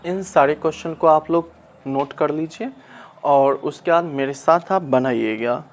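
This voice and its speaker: Male tutor, unhurried and methodical, talks students step by step through translation drills, slightly raised pitch. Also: slight background noise. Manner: slow, patient, asks and answers his own questions. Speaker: Sanskrit teacher. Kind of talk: classroom lesson explaining translation.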